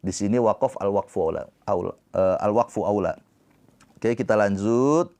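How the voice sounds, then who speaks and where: A man teaching tajwid on a live stream, explaining slowly and patiently and breaking into drawn-out chanted recitation. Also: lowish voice, darkish tone. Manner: talks to viewers in the comments.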